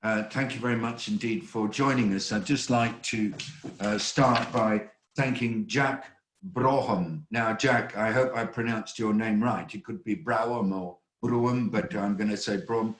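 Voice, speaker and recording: Older man, earnest, low-pitched. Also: fairly bright tone, echoey room. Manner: measured, earnest, with frequent hesitations. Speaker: host of an online briefing. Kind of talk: spoken briefing remarks. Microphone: video call.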